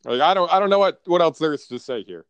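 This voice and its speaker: A man's voice: fairly high pitch, lively intonation, quick pace, clean tone, dry recording, lo-fi sound. A North American man in casual sports chat as a podcast co-host, blunt and profane with frat-bro banter.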